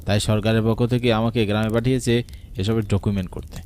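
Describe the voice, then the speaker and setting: A man plays a condescending, easily spooked investigating officer in a horror cartoon, delivering the lines expressively and dramatically yet only lightly acted. His voice is on the low side, clear and resonant, and he talks fast and sounds self-assured.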